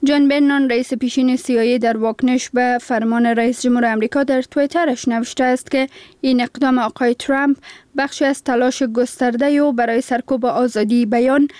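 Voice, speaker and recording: A woman's voice: on the high side, fairly even intonation, a little mellow, no room sound. A woman reading a formal scripted news report. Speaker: news reader.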